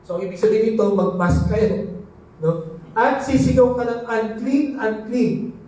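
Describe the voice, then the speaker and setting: Man, preacher, sermon, high pitch, mellow tone, echoey hall, far from the mic. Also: moderate pace. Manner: mixes Tagalog and English, asks "no?" often. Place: church hall.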